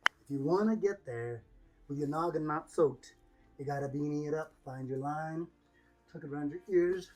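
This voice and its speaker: A vlogger with a slightly high, somewhat mellow voice talks at normal speed, demonstrating his cycling rain gear while getting dressed at home. He's playful and slangy, firing off exclamations and catchphrases in short bursts; the audio is poor, with soft background music.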